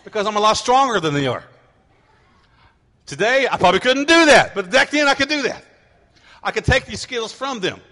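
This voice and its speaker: A man's voice: high voice, brisk, long pauses, in a large hall. A middle-aged man preaching a sermon as pastor, telling stories and acting out his kids' voices. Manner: animated storytelling, acting out voices of kids.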